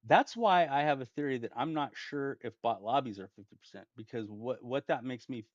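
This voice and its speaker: A man's voice: mid-range voice, normal speed, dry recording. Man rambling through a gaming story, lo-fi. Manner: rambling, restarts often, chuckles while telling. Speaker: gaming channel host. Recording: dull lo-fi dry home mic.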